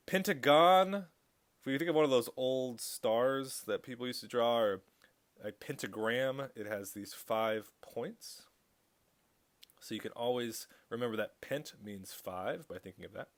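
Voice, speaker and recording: A man teaching a recorded high school math tutorial, chatty and upbeat with corny jokes. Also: a bit bright.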